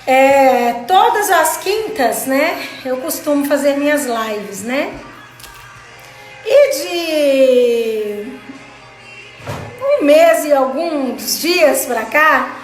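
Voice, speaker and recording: A woman's voice: high-pitched, a bit bright. A Brazilian woman hosting a casual live stream, greeting viewers by name and chatting in a home craft studio. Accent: Brazilian Portuguese. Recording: roomy studio with background music.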